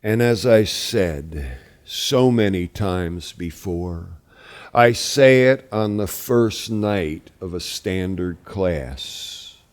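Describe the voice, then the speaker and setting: A man who teaches wilderness classes recounting a personal spiritual experience, slow and emphatic, rising to loud peaks then sinking low. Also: clean tone. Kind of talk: spoken personal recollection.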